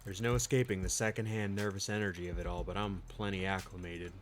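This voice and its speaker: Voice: low-pitched, little pitch movement, fast talker, slight background noise, pitched below the performer's own voice, close to an everyday voice. A live streamer voicing a weary, hard-boiled defense attorney, narrating in a dry noir voice-over. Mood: world-weary.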